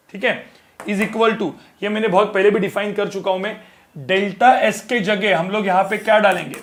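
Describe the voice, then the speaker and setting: ऊँची आवाज़ वाला शिक्षक, बार-बार सवाल पूछता. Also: male voice, high voice. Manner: asks students questions over and over, repeats formulas slowly. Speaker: physics teacher. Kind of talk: classroom lecture.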